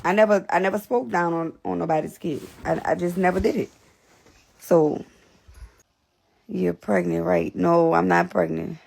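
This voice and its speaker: Blunt, breathless woman with vocal fry. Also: fairly low pitch, fairly even intonation, moderate pace, long pauses, a little mellow. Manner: blunt, repetitive, profane. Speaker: livestream host. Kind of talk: casual livestream talk to viewers.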